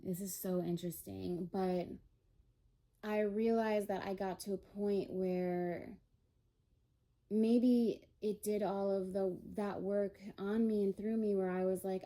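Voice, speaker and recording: A woman's voice: medium pitch, mellow. A young woman giving a spiritual tarot-style reading, rambling and emotional, with many fillers. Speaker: tarot reader.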